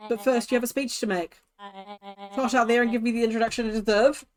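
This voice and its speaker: A woman's voice: a little high, fairly even intonation, quick pace, a little mellow, soft background music, lightly acted. A woman voicing a pompous, scheming villain mastermind in a boy's body, reading game dialogue as a theatrical, condescending monologue. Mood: scornful. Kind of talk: dramatic read-aloud of game dialogue.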